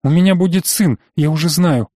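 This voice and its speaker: A man reading an audiobook voices a young pregnant woman who speaks quietly, exhausted and sobbing but defiant. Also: a little high, brisk, slightly rough, no room sound, clean studio sound. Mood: weary defiant. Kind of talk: audiobook character voice.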